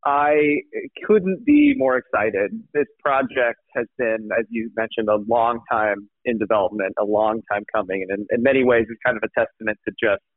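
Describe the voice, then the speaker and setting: A man's voice: mid-range voice, moderate pace, few pauses, no echo. A man answering conversationally as a guest in an interview. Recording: thin, phone-like remote call line.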